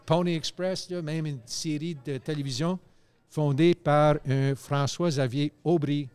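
A man, telling stories in a loose, animated way on a radio chat show, full of fillers and restarts. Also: a little high, a little slow, smooth.

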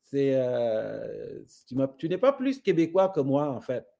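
Gravelly and dark, this mid-range male voice moves in an unhurried, sing-song way. It belongs to a middle-aged Senegalese guest with a Senegalese French accent who tells parables with thought and conviction during a reflective conversation.

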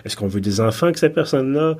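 Halting Quebec man in his thirties. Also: medium pitch, expressive, a little mellow. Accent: Quebec French. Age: 30s. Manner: thoughtful, halting with repeated restarts. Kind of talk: casual film discussion.

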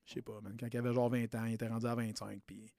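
A man's voice: medium pitch, little pitch movement, fast talker, darkish tone, no room sound. Chatty Québécois man, dry close sound. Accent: Québécois French. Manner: loose, chatty, mixes English slang into French. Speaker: personal trainer. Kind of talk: casual storytelling podcast.

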